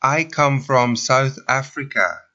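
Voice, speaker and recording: Slow, deliberate lesson voice. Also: mid-range voice. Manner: slow, deliberate, evenly spaced phrases. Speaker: lesson narrator. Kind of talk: slow scripted lesson reading. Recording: dull lo-fi audio with clear noise.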